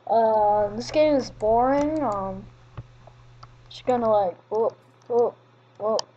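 A woman with a fairly high voice talks her way through a video game, mumbling to herself one moment and yelling at other players the next. She takes her time between remarks. Her mic sounds dull and lo-fi, with a faint hiss behind her. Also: slow pace. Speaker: gaming commentator. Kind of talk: solo Minecraft gameplay commentary.

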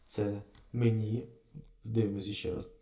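A man teaching a casual language lesson, repeating phrases slowly and thinking aloud. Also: fairly low pitch, level tone, warm tone, roomy sound.

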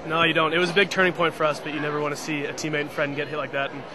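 A young man in his twenties, a team captain, answering post-match questions in a quick, easygoing way with a joke or two. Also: a little high, level tone. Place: outdoor stadium, post-match. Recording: loud crowd noise behind.

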